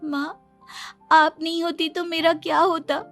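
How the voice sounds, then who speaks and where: Woman as meek young daughter-in-law, cartoon drama, very high-pitched, faint music behind. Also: little pitch movement, a little slow, creaky, fairly bright tone, full character voice. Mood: grateful. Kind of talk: cartoon moral-story acting.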